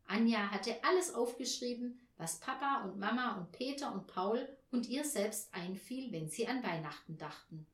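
A woman reading a Christmas story aloud slowly and expressively. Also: a little high, animated. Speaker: story reader. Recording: roomy echo.

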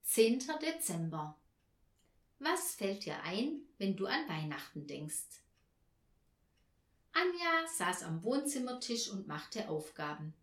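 A woman reading a Christmas story aloud slowly and expressively. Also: medium pitch, sing-song. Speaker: story reader. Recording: roomy echo.

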